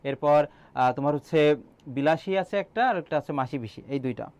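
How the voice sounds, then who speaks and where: A man's voice: a little high, normal speed, darkish tone, smooth, highs cut off. A young man teaching an online exam-prep class, quizzing students and repeating key answers, with frequent filler sounds.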